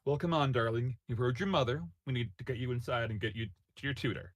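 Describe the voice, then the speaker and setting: A man's voice: mid-range voice, fast, dry recording, voice pushed up, natural voice. A man playing a tender emperor father. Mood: gentle, coaxing. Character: gentle loving emperor father.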